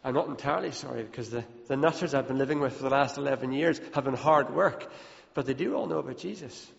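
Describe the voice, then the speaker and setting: An Ethiopian man delivers an earnest sermon in a church hall, repeating words to press his points. His medium-pitched voice is fast with vocal fry, and the recording sounds dull with a long hall reverb.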